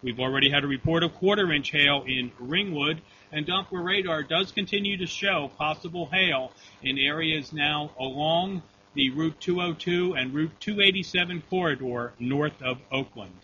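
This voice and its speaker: A man's voice: on the high side, normal speed, pushed and bright. A man acting as net control operator on an amateur radio storm net, speaking in formal, procedural radio phrasing. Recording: dull lo-fi radio audio, faint hum.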